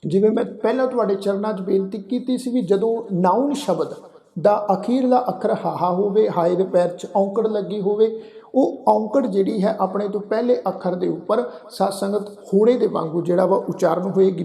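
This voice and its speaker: A man with a high, gravelly voice leads a recitation lesson, chanting verses at an unhurried pace before explaining how each word is pronounced. His voice carries an echo, as if from an echoey room. He speaks to his listeners politely, as a congregation. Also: dark tone. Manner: chants verses slowly, then explains pronunciation; addresses listeners respectfully as congregation. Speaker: teacher of scripture recitation. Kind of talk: line-by-line scripture recitation lesson.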